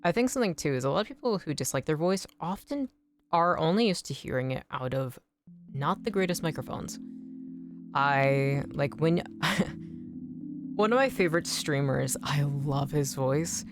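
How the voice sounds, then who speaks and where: While drawing on stream, a young woman chats casually to her viewers, rambling and encouraging, with plenty of "like" and restarts. Her nerdy voice is low-pitched and slightly raspy, animated yet unhurried, and music plays in the background.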